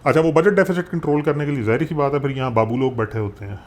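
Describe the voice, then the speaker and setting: A man with a Pakistani Urdu accent explaining economics in a conversational way, animated and sprinkling in English phrases. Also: medium pitch, rapid-fire. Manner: animated, mixes English phrases, frequent fillers. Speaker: economics commentator.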